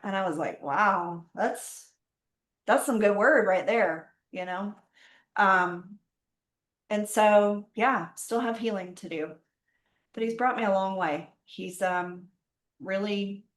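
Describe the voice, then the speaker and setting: A woman's voice: medium pitch, takes it slowly, pauses often. A middle-aged woman telling her story openly and reflectively in a casual conversation. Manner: open, reflective, faith-centered storytelling. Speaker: podcast guest. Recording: roomy echo.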